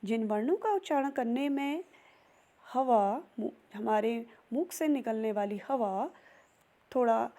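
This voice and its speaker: A woman's voice: on the high side, lively intonation, slow, warm tone. A young woman giving a recorded grammar lesson, spelling out sounds one by one. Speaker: teacher.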